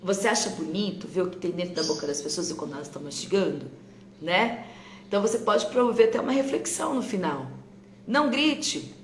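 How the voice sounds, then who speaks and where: This woman, a teacher with a Brazilian Portuguese accent, chats with parents on a phone live stream and keeps checking in through tag questions. Her voice sits on the low side, animated and quick. The recording has a roomy echo, faint ambience and slight background noise.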